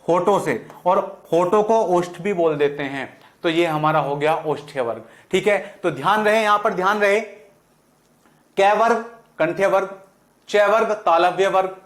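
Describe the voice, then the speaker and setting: A man with a western Uttar Pradesh accent teaches Hindi, asking questions and answering them himself. His voice sits high for a man. The sound echoes around a classroom. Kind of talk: classroom lesson.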